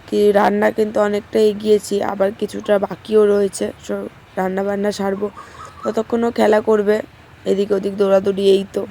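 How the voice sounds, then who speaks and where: Hoarse young mother vlogging. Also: medium pitch, monotone, a little fast, slight background noise. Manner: chatty, homely, soft baby talk with her daughter. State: hoarse, strained voice. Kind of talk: casual vlog narration to viewers.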